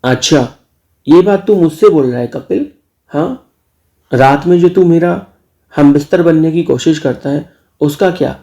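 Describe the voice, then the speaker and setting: A man's voice: a little high, a little slow, long pauses, mellow. A man voicing a bossy, teasing middle-aged uncle in a spoken story. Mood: scolding. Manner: teasing, scolding.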